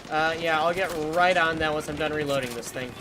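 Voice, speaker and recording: A slightly high-voiced man streams a war shooter and trades wry remarks with the soldiers on screen. His voice is still a bit worn from illness. Heavy gunfire and explosions from the game crowd the audio behind him. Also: brisk, background noise. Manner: wry, talks back to game characters. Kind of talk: casual gameplay commentary.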